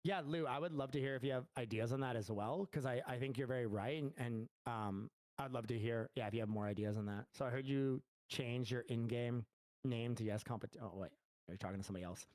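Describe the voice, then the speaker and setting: A man's voice: medium pitch, a little fast, darkish tone, no echo. A man, a game studio founder, answering community questions in a loose, rambling livestream chat full of fillers and restarts. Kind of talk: casual livestream Q&A.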